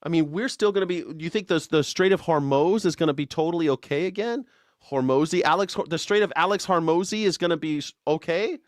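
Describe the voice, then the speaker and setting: This 40-something live stream host speaks at a fairly high pitch and a fairly quick clip, with a dry, close sound and no echo. His casual political comedy rant is loose and rambling, sarcastic and full of profanity, and he reads chat comments out loud.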